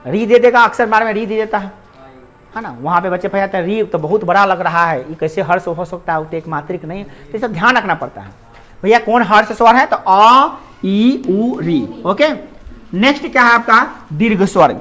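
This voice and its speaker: A male grammar teacher with a bright, forceful voice. He drills vowel sounds aloud and keeps asking questions that he answers himself, in a classroom lesson. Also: sits high, normal speed, faint music behind.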